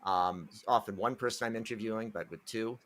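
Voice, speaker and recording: A man's voice: on the low side, brisk, a bit bright. A man hosting an interview podcast, asking questions in a loose, friendly way with restarts. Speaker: podcast host.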